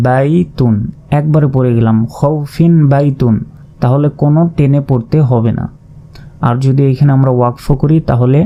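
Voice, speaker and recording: A man teaching Quran recitation in a slow, methodical lesson, spelling out letters and vowel marks, then drawing out each word. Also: mid-range voice. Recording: dull lo-fi recording.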